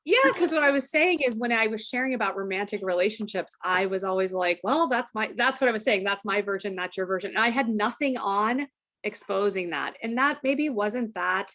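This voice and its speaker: A woman's voice: mid-range voice, expressive, brisk, a bit bright. A woman chatting as a guest over a video call, chatty and playful. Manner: chatty and playful, often laughing.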